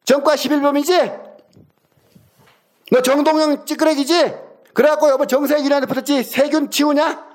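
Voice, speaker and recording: A man's voice: very high voice, steady tone, normal speed, pauses often. A man arguing on a call, aggressive, swearing and hectoring the other person. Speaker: caller in a heated argument. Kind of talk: angry phone argument.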